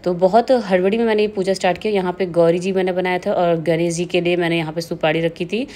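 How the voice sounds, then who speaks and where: A woman's voice: fairly low pitch, little pitch movement, quick pace, darkish tone. A young woman chatting casually in a home vlog, slipping English words into her speech. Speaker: vlogger.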